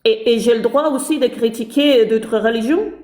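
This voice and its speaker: A woman with a Spanish accent speaks a little higher than most, taking her turn in a live debate. She stumbles over the start of each sentence. Her voice sounds roomy and echoey. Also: normal speed, a little mellow. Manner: repeats words when starting a sentence. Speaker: debate participant.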